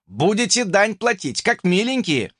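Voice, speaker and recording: A man's voice: high-pitched, sing-song, a little slow, fairly bright tone, dry recording, clean studio sound, pitched above the performer's own voice, full character voice. A man reading an audiobook voices a cocky young male hero who hurls mocking taunts. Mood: taunting.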